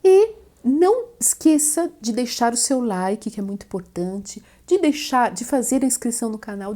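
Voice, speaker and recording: A woman's voice: high voice, dark tone. A woman teaching French in an online lesson, explaining patiently and often adding "né?".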